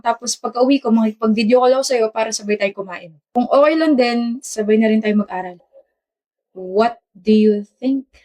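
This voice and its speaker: Brief: woman for comedy skit dialogue, playful and teasing, slightly high pitch. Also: a little mellow. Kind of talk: acted romantic comedy skit.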